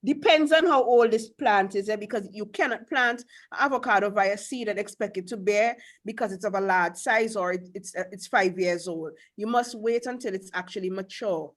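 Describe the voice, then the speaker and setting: A woman's voice: mid-range voice, normal speed, hardly any pauses. A woman with a Caribbean accent teaching a live class as instructor, blunt and emphatic, often firing questions. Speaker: agriculture instructor.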